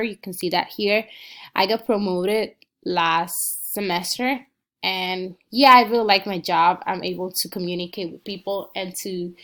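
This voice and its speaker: Walking viewers through her personal website in a casual screencast, this young Dominican student in her 20s speaks in a medium-pitched, fairly bright voice. She's earnest and easygoing, often saying "um" and restarting small bits of her sentences.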